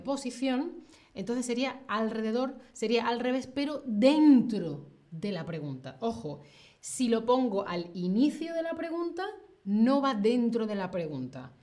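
A woman teacher, her voice sitting somewhat high. She runs a live grammar lesson, tossing in quick checks for her listeners and lifting her voice to act out example phrases. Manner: checks in constantly with rhetorical "¿sí?" and "¿vale?"; acts out example phrases with a raised, louder voice. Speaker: Spanish teacher.

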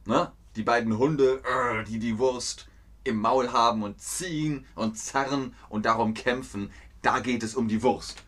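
A man teaching idioms in a language lesson, slow and clear, repeating phrases and acting out little scenes in playful put-on voices. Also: mid-range voice, steady tone, a bit bright. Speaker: German teacher.

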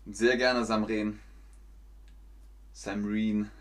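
A man's voice: on the low side, flat delivery, extremely slow. A man teaching German in a livestream lesson, speaking in simple, repetitive sentences for learners.

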